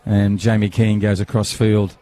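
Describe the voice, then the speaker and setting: A man's voice: lowish voice, flat delivery, moderate pace, dark tone. A man, commentating live on a football match outdoors, chatty and rambling, with banter and fillers.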